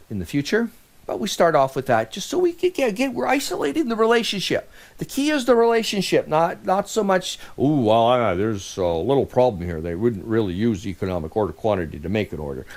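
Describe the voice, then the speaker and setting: A man's voice: mid-range voice, darkish tone. A man giving a recorded lecture as an instructor, talking in a conversational way and often restarting or correcting himself.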